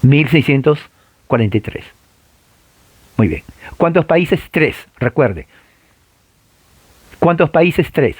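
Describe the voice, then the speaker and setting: A man's voice: on the high side, expressive, slow, pauses often, slightly rough, no echo. A man lecturing on church history, who stresses and repeats key points, often tags on "eh" and "¿no?", and has his listeners repeat after him. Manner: frequent filler "eh" and tag questions.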